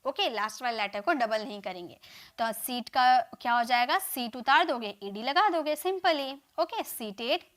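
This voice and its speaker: High-voiced woman teaching English live. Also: expressive, normal speed, a bit bright. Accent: Indian English. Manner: drills word forms aloud, repeats each word, urges viewers to comment and share. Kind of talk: live online class.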